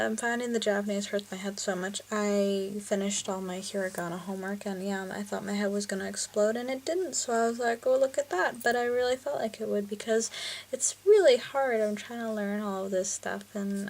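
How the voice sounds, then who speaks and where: A woman's voice: mid-range voice, steady tone, normal speed. Chatty self-mocking young woman vlogger. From Canada. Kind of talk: casual chat.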